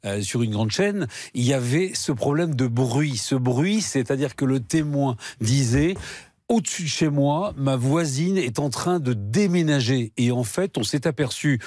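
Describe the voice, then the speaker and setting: A man's voice: mid-range voice, expressive, unhurried, darkish tone, no room sound. A man explaining things in a wordy, earnest way as a show contributor. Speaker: on-air consumer show contributor. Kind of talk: explanatory anecdote in studio chat.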